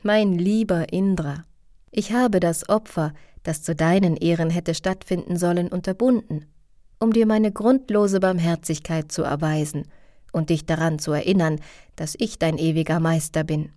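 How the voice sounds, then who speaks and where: A gentle, all-powerful god speaks with calm authority, instructing a humbled king, as a woman reads him aloud. The tone is low and mellow, with a dry, close sound, as in a spoken storybook. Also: moderate pace, no echo, close to an everyday voice. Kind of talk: audiobook reading.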